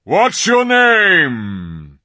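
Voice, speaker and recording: A man voicing a majestic male lion king with a slow, booming delivery. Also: huge pitch swings, pushed and bright, dry recording, heavily acted.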